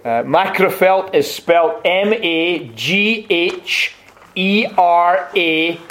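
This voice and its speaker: A middle-aged Scottish man, a visiting pastor, giving a warm, conversational, gently humorous sermon in a church and reading scripture aloud. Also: high-pitched, takes it slowly. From Scotland. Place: church sanctuary.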